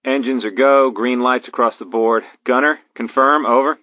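Young pilot over walkie talkie. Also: male voice, medium pitch, fairly even intonation, moderate pace, no room sound. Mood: steady. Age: young adult. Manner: clipped radio protocol. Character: young male fighter wing leader, steady and confident. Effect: over walkie talkie radio. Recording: tinny radio line, dry.

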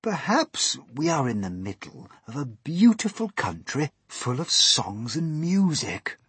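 A man's voice: medium pitch, big pitch swings, a little slow, a bit bright, slightly rough, dry recording, pitched above the performer's own voice, exaggerated voice. A man voicing a kindly old male grasshopper, hopeful and reassuring, in a children's storybook reading. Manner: encouraging, hopeful.

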